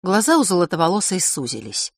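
A woman's voice: fairly low pitch, huge pitch swings, brisk, gravelly, breathy edge, no echo, studio quality. Woman narrating a fantasy audiobook.

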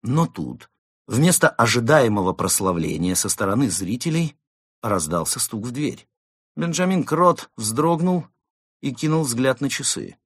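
A man narrating a storybook tale in an expressive, dramatic way. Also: lowish voice, husky, no echo, studio quality.

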